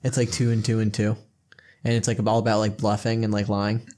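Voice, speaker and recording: A man co-hosting a comedy podcast in casual chat, rambling with lots of "like" fillers and dry, deadpan jokes. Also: on the low side, fairly quick. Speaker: podcast co-host.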